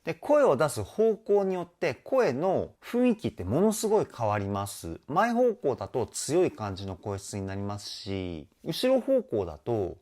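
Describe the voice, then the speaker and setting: An enthusiastic male vocal trainer analyzing a music video. His pitch rises and falls a lot as he chats. He talks in a friendly, chatty way and sometimes sings short bits to show a point. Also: wildly swooping pitch, a little slow, few pauses, darkish tone. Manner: enthusiastic, chatty, often adds ね; sings short snippets to demonstrate.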